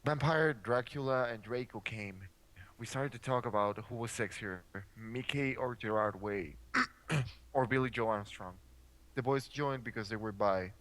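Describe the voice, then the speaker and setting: A young man reads aloud in a deadpan, exasperated tone, stumbling through the text on purpose. His voice sits at an ordinary male pitch. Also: measured pace. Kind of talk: mocking dramatic reading.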